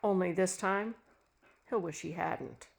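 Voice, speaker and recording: A woman's voice: fairly low pitch, unhurried, gravelly. A woman voicing a ruthless, harshly growling husband. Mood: cold. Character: ruthless cold middle-aged husband.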